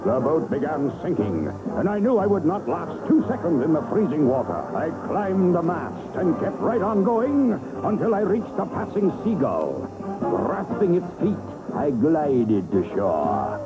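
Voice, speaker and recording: A pompous old cartoon commander grandly boasting about his adventures. His voice rides high and swings widely. The recording is dull, with loud music behind. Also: sing-song, unhurried. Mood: boastful. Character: boastful old male commander telling tall tales.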